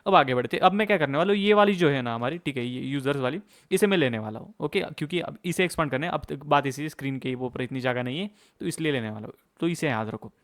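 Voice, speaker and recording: A young man teaching a course over a screen share, talking fast in a casual way and checking in often with "okay". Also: medium pitch, lively intonation, a bit bright. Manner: fast-talking, mixes English terms into Hindi, frequent "okay, theek hai" check-ins. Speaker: course instructor.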